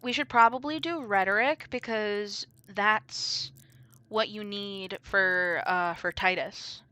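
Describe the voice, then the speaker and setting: Brief: laid-back young woman gamer, joking commentary, crisp bright tone. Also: mid-range voice, takes it slowly. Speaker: streamer playing a game. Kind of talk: casual chat.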